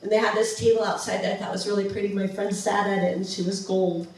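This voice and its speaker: A woman's voice: mid-range voice, level tone, fast talker, darkish tone, a little hiss or hum. A woman giving a casual, enthusiastic slideshow talk, with many ums and restarts. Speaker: presenter of a travel slideshow. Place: museum presentation room. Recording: far-off mic in a very echoey room.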